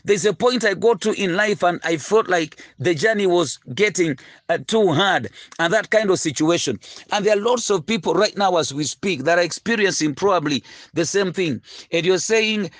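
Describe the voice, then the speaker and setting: A man preaching a sermon, earnest and halting, full of fillers and repeated words. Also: high voice, no echo. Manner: earnest, slows to stress key phrases. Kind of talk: recorded sermon teaching.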